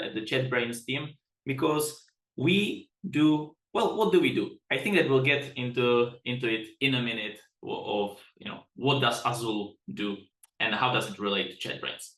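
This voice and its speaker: A man's voice: medium pitch, fairly bright tone, echoey room. A man from the Czech Republic giving a webinar presentation as a product director, chatty and self-deprecating, often restarting his sentences.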